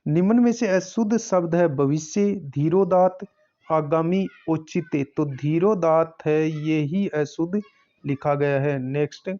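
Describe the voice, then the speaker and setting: A man's voice: on the high side, a little slow, mellow, highs cut off. A man teaching, working through an exam paper question by question and repeating each answer. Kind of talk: exam paper solving lesson.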